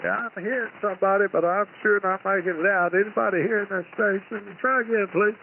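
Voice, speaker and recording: A man's voice: high-pitched, fairly even intonation, a little fast. A man running an amateur radio net over single sideband, chatting and taking check-ins in a casual, folksy, informal way. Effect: single sideband radio transmission. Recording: tinny narrowband radio signal, faint static.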